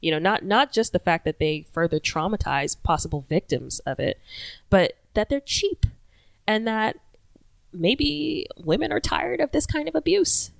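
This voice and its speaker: A woman's voice: mid-range voice, expressive, unhurried, gravelly, dry recording. A woman whose first language is not English, co-hosting a casual chat and making sarcastic asides.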